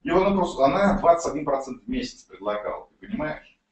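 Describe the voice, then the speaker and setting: Promoting an online investment project, a man chats casually with viewers and reads their messages aloud, bluntly and with plenty of swearing. His voice is a little high, sing-song and quick, picked up by a distant mic in a roomy space with light background noise.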